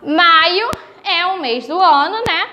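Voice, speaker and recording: A woman with a Brazilian accent teaches a video lesson for young schoolchildren. Her voice sits very high, and she speaks patiently, pausing to stretch out each example word. The recording sounds dull and lo-fi. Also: expressive, bright, forceful tone, a little hiss or hum. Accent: Brazilian Portuguese. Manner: slow, explanatory, stretches example words.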